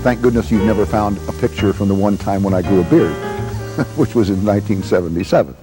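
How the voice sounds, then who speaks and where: A man in his sixties, a retired news anchor, looking back on his career in a relaxed interview and chuckling easily. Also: lowish voice, a little fast. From United States. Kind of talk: reflective interview recollection. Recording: faint music underneath.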